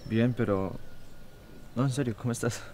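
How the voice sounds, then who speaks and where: A man's voice: medium pitch, normal speed, darkish tone, lightly acted. A young man playing an insistent, reassuring teenage boy in an amateur horror short. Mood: caring. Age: young adult. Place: outdoors on paths and in an empty derelict house. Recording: very noisy amateur on-location camera audio.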